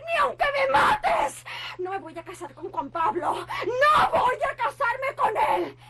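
An actress playing a desperate, defiant young daughter in a radio drama, breaking into crying and shouting. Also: female voice, high-pitched, unhurried, background noise. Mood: hysterical.

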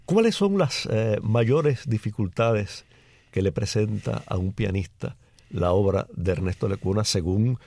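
A man from Cuba interviewing a pianist, asking measured questions with many short affirmations. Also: fairly low pitch, lively intonation, creaky, darkish tone, no echo. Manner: measured questions, frequent backchannels. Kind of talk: conversational interview.

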